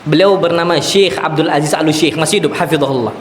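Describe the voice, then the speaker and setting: A man's voice: a little high, quick pace. A man preaching a sermon in a mosque, telling stories and asking his audience questions he answers himself. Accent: Indonesian, South Sumatran. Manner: lively storytelling, asks and answers his own questions. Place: large mosque hall. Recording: echoey hall, faint room hum.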